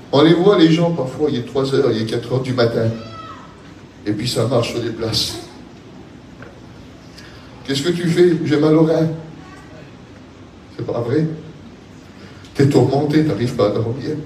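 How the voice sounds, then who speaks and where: A man with a southern French accent delivers a sermon in a high, impassioned voice. He hammers phrases again and again and climbs toward shouting. He is heard from some distance in an echoey hall, with faint ambience behind him. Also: slight background noise. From France. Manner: impassioned, repetitive cadence, builds to shouting. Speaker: preacher.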